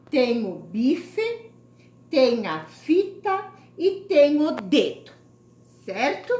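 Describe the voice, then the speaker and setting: A woman teacher, giving a recorded lesson to young children and explaining each step slowly and patiently. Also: high-pitched, a bit bright. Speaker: primary school teacher. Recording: echoey room, faint ambient noise.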